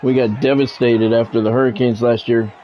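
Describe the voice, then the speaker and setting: In a dull lo-fi recording with background music, an American man hosts a game livestream, mixing casual, blunt chat with play-by-play. His medium-pitched voice is flat and fairly quick.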